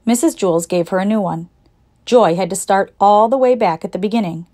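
A woman narrating a children's storybook in a lively, expressive reading voice. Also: mid-range voice, fairly quick. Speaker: audiobook narrator.

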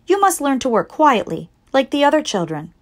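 A woman voicing a strict female schoolteacher in a children's storybook reading, scolding in a raised, higher voice. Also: sing-song, fairly quick. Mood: stern.

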